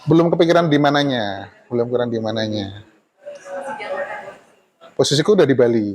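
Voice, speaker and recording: A man in his forties, speaking at a middle pitch, shares his career story in an easygoing way. He laughs often and slips casually into Javanese phrases, like a guest at a small forum. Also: animated, fairly quick, darkish tone. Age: 40s. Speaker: architect guest.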